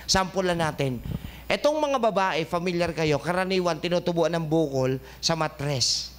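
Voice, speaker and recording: Male doctor-host, high-pitched, jokey lecturer who keeps quizzing the room, studio. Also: lively intonation, normal speed. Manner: joking, quizzing listeners with questions. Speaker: health talk show host and doctor. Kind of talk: lively health lecture.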